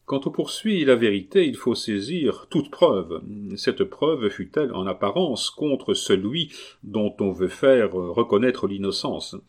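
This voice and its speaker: A man reading a novel aloud, voicing an earnest, persuasive gentleman who speaks in a calm, measured way. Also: on the low side, slightly rough. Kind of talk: audiobook reading.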